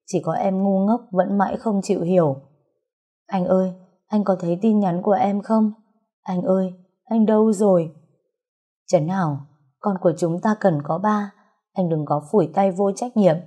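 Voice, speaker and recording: A woman's voice: mid-range voice, dark tone, lightly acted. A woman voicing a grief-stricken young pregnant woman who pleads through sobs. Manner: sobbing, pleading.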